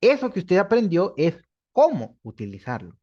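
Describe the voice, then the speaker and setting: Male teacher, patient, repeats examples, lively up-and-down voice, dull lo-fi sound. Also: sits high, moderate pace. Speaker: English teacher. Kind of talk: online English class.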